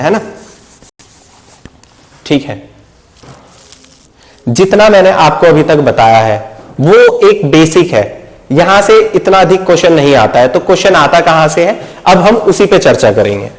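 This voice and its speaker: High-voiced man teaching a Hindi lesson. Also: sing-song, normal speed, long pauses, poor audio. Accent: Hindi mixed with English words. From Uttar Pradesh. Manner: talks in questions he answers himself, often checks in with "ठीक है". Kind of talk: explanatory video lesson.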